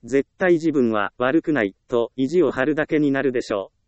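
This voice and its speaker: A man giving calm, scripted self-help narration in a steady, gentle and reassuring way. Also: mid-range voice, moderate pace, dry recording, lo-fi sound.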